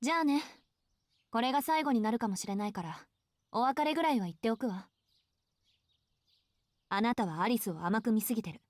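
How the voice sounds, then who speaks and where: An actress voicing a proud, sharp-tongued young woman in an anime-style visual novel, curt and scolding. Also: fairly high pitch, animated, very fast, pauses often, no room sound, studio quality, close to an everyday voice. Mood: parting. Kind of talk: anime game voice acting.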